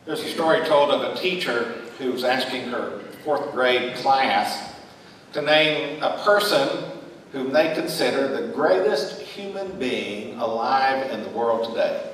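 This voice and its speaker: A man's voice: mid-range voice, unhurried, slight background noise. Man, middle-aged, pastor, sermon storytelling, distant mic, long church reverb. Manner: storytelling, animated gestures. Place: large church sanctuary. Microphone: distant room mic. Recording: echoey sanctuary from far off.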